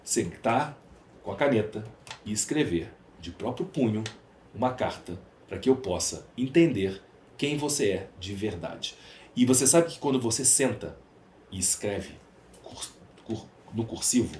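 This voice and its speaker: A Brazilian entrepreneur, appearing as a podcast guest, tells stories and shares opinions in a conversational, emphatic way, repeating phrases for rhetorical effect. His voice is lowish, expressive, and darkish, at a measured pace. The recording sounds roomy and echoey, with slight background noise.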